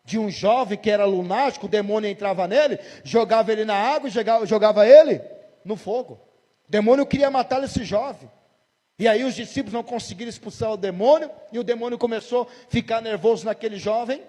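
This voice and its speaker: A man's voice: sits high, fairly quick, warm tone, long reverb tail. A Brazilian man in his forties, a pastor preaching a sermon emphatically and asking the congregation rhetorical questions. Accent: Brazilian Portuguese. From Brazil, São Paulo state. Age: 40s.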